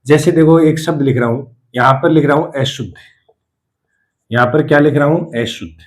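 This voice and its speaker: Guy with rajasthani hindi accent teaching spelling, bit high voice, keeps repeating words and quizzing himself. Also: moderate pace. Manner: repeats each word, asks and answers himself. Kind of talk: spelling lesson at a board.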